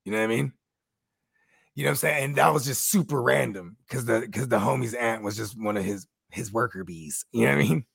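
Rambling co-host, thirties man, husky and gravelly, quick chatter. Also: mid-range voice, a bit bright, no room sound, studio quality. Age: 30s. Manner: rambling storyteller, fillers like "you know what I mean". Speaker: podcast co-host. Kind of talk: casual chat.

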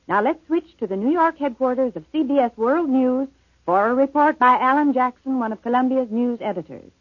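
A woman's voice: high voice, husky, no echo, phone-quality sound. An American woman hosting a 1940s radio news program, heard on an old broadcast recording.

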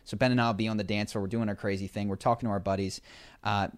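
A man's voice: on the low side, very fast. A young man co-hosting an advice podcast, telling stories in casual chat and laughing often. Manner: laughs often, animated storytelling. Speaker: podcast co-host.

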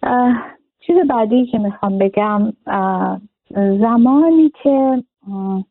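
A woman's voice: on the high side, dry recording. Earnest woman teacher over a phone-like line. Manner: earnest, rhetorical questions, acts out short dialogues. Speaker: spiritual teacher and counselor. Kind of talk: self-help lesson to camera. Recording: dry, phone-like narrow sound.

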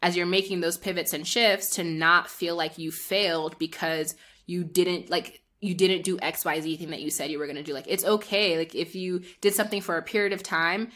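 A low-pitched woman, talking as a guest on a podcast. Her voice has a sharp, forward brightness, and she thinks aloud in a relaxed, reflective way with plenty of fillers. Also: normal speed. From United States. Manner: reflective, frequent filler words. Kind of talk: casual conversational interview.

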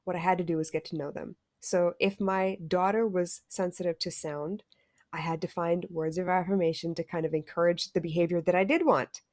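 A woman's voice: lowish voice, fairly even intonation, brisk, a little mellow, dry recording, clean studio sound. A middle-aged woman, a podcast guest, speaking frankly and reflectively about raising her stepchildren, with the odd curse word. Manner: frank and reflective, occasional cursing. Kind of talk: candid storytelling about parenting.

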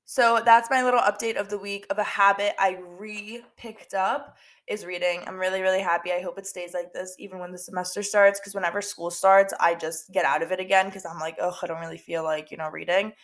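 A woman's voice: medium pitch, steady tone, fairly quick, fairly bright tone. A young woman hosting a casual solo podcast, talking in a chatty way full of "like" and repeated words, her voice stuffy and nasal from allergies. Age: young adult. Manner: chatty, filler-heavy with lots of "like" and repeats. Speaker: podcast host.

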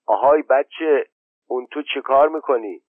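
Male reader playing a commanding village headman, older, voice lifted to shout; thin, dry, phone-like audio. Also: mid-range voice, expressive, no echo, voice pushed up, close to an everyday voice. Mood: calling, urging. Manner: calling out loudly, commanding. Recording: tinny phone-like narrow band.

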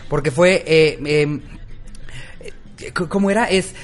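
Mexican co-host, man with a high voice, quick teasing asides. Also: faint music behind. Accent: Mexican Spanish. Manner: joking interjections, teasing banter. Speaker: podcast co-host. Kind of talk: casual chat.

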